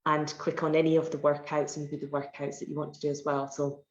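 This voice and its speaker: This low-voiced woman keeps a level tone but talks at a quick pace. A Scottish personal fitness trainer in her forties, she's a guest giving casual interview answers, lengthy and packed with fillers, recorded over a roomy, dull online call.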